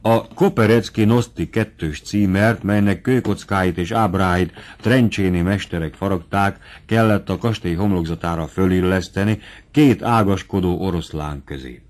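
A man narrating a classic novel as an audiobook, in a measured, expressive reading. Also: low-pitched. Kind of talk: scripted literary narration.

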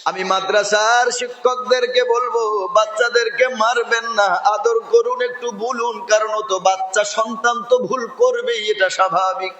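A male Islamic preacher with a Bengali accent gives an emotional sermon, moving between loud cries and soft tearful pleading. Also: very high voice, fairly even intonation, normal speed, lo-fi sound. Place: religious gathering in a large hall. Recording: echoey hall with long reverb.

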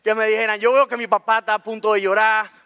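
A man with a Dominican accent telling a personal story on stage, colloquial and animated, acting out scenes. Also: high voice, fast, clear, resonant tone. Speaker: speaker. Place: stage in a talk venue.

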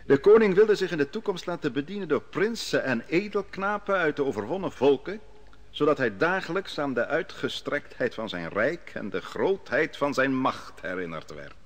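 Performing in a 1950s Dutch radio drama, a man with a higher-than-average voice and big pitch swings plays a narrating prophet. As a grown exile, he tells of his youth at a foreign king's court in a measured, solemn storytelling manner.

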